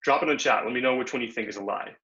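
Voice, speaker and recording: Rapid-fire and bright, with a pushed mid-range voice, a young man from Bangladesh delivers a laid-back, upbeat online workshop full of slang and fillers. The audio comes through a dull, lo-fi video call.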